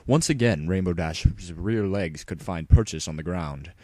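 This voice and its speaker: A man narrates a scripted fan fiction story dramatically, spoofing an audiobook reader. His low, mellow voice moves a little slowly, captured in a dry, studio-quality recording.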